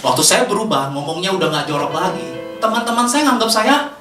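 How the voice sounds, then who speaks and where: Lively woman preacher with a Jakarta accent. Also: medium pitch, a little fast. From Indonesia. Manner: chatty, laughs often, lively. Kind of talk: sermon. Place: church hall. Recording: echoey hall, far from mic, faint music.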